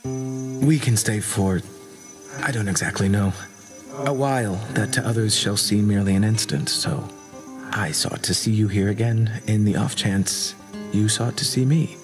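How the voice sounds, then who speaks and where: A man voicing a courteous, lovestruck god of doom in a video game, solemn and shy, speaking formally and haltingly. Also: lowish voice, close to an everyday voice, low-quality recording. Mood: nervous, tender. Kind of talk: dramatic video game voice acting. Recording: music behind the voice.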